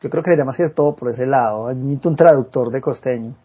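A man's voice: medium pitch, quick pace, slightly rough, dull audio. A man co-hosting a podcast, chatting casually and laughing often. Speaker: podcast co-host. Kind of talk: casual chat.

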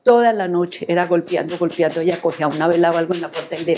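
Earnest older woman, low mellow voice. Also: fast talker, a little hiss or hum. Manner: earnest, emotional storytelling. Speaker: interviewee. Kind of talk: personal faith testimony.

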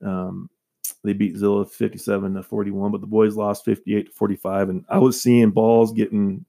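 Gravelly upbeat sports radio man. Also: fairly low pitch, level tone, normal speed, warm tone. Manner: upbeat, joking, reads scores. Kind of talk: casual sports talk.

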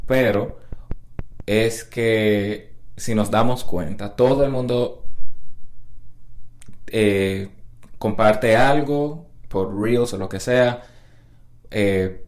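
A man's voice: on the low side, darkish tone. A man hosting a casual solo podcast, rambling and often restarting and correcting himself. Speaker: podcast host.

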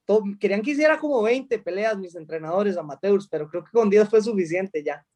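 A man from Costa Rica, a mixed martial arts fighter in his thirties, answering interview questions haltingly with many restarts. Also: high-pitched, animated, a little mellow. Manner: hesitant, many restarts and fillers.

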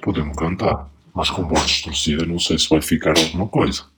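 A man speaking through a voice changer, a terse, deadpan podcast guest in casual chat. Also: a little fast, noisy background. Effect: voice changer, distorted very deep and husky.

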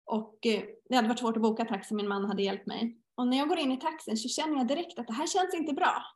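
A middle-aged woman in a casual podcast conversation, telling personal stories and acting out her inner dialogue. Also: fairly high pitch. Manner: storytelling, acts out inner dialogue. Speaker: guest teacher. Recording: roomy echo.

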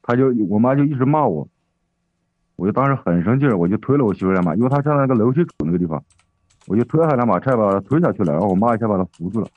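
Low-voiced man on a tinny phone line. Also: expressive, rapid-fire, no echo. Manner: hesitant, rambling with many fillers and restarts. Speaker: caller. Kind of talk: phoning in to a radio advice show.

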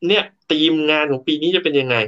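A man's voice: fairly high pitch, fast, bright, forceful tone, highs cut off. Thai man explaining at an easy pace. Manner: explanatory, tells workplace anecdotes with repeated restarts. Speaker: co-host and speaker. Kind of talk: casual talk on workplace motivation.

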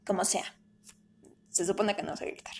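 A woman delivering a comedic rant monologue, swinging between hushed asides and mock screams. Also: medium pitch, steady tone, normal speed, creaky, slightly rough. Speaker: vlogger.

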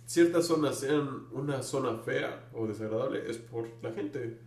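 A man with a Mexico City accent hosts a relaxed talk, his voice mid-pitched. He gives opinions and questions his guest, and the room adds a noticeable echo. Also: a little slow. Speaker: podcast host. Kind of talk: casual chat.

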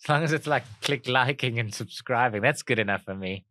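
A man co-hosting a podcast, chatting casually and teasing his partner with a quick laugh. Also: medium pitch, sharp tone, dry recording, studio quality. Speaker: podcast co-host. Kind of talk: casual comedic chat.

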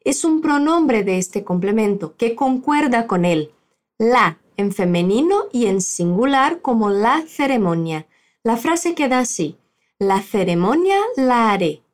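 Lively-voiced woman teaching a language lesson. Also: on the high side. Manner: slow, carefully spoken model phrases for the learner to repeat. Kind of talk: spoken language lesson with repeat-after-me drills.

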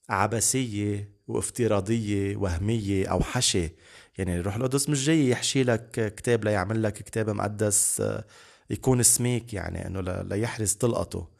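Gravelly-voiced preacher. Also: male voice, on the low side. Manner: earnest, repeats key words for emphasis. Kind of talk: podcast Bible teaching.

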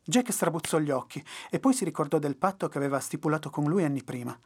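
A podcast storyteller reading a folk tale aloud in an expressive, animated way. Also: mid-range voice, fast, slightly rough. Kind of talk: storybook narration.

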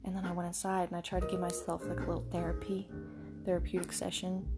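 A woman's voice: on the low side, monotone, fast talker, over loud music. A young woman hosting a podcast, telling a story in a rambling, casual way with lots of swearing and fillers. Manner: rambling, profane, filler-heavy. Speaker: podcast host.

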